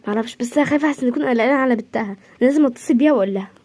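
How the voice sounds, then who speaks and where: Speaking with an Egyptian Arabic accent, a woman performs an entire homemade drama alone, switching rapidly between character voices. Her high voice stays lively and playful in pace as she plays every role in her own series.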